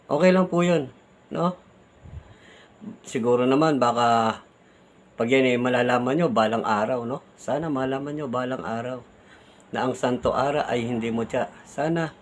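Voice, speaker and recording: Man, vlogger, casual defensive talk to viewers, repetitive, polite tag questions. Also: medium pitch. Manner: defensive, repeats himself, tags lines with "no?" and "di ba?"; polite, uses the respectful "po" often.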